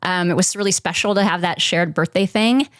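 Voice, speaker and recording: A middle-aged woman, a podcast guest, reflectively telling a personal story with many pauses and fillers. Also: fairly low pitch, a bit bright, no room sound, clean studio sound.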